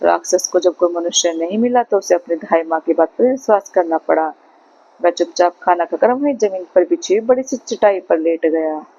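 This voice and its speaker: A woman reading a folk tale aloud as a storyteller, in a steady, plain way, on a slightly muffled recording. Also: fairly low pitch, moderate pace, no room sound.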